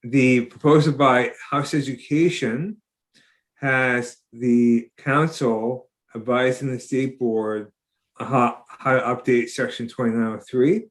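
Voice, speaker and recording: Man, legislative staffer, walks a committee through bill text, methodical and halting, mid-pitched. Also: steady tone. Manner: methodical, halting, many fillers. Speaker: legislative counsel. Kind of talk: committee hearing explanation.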